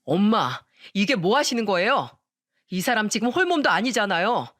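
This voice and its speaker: A woman's voice: on the low side, measured pace, no room sound, clean studio sound. A woman voicing a protective young husband in a narrated radio story, firm with his mother and caring with his wife. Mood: angry.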